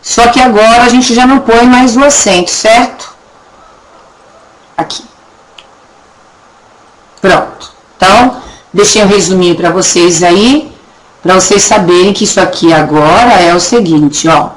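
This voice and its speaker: A woman with a Brazilian accent and a mid-range voice teaches a recorded Portuguese grammar lesson, chatting and checking in often with her students. She drags words out slowly to show how they're pronounced. The recording is rough, with faint background noise and clicks.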